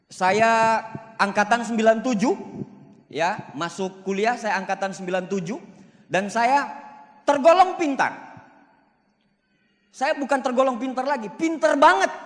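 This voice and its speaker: A high-voiced man holds forth in a reverberant hall. He is animated and boastful, joking with his audience and swinging between loud and soft. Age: 40s. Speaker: motivational speaker. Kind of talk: seminar success talk. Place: large hall.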